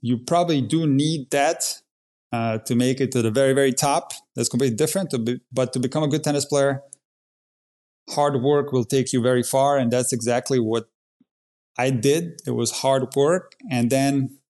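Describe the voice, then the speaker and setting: Brief: man in his 40s from Croatia, middle-pitched, earnest podcast guest telling his story. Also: normal speed, darkish tone. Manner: earnest, storytelling, plain-spoken. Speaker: tennis coach guest. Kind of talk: podcast interview.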